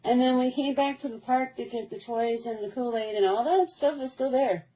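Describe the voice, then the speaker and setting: Brief: woman, mellow and warm, chatty storyteller who loops back on herself. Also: on the high side, moderate pace, low-quality recording. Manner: rambling, repetitive, with many restarts. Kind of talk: casual storytelling.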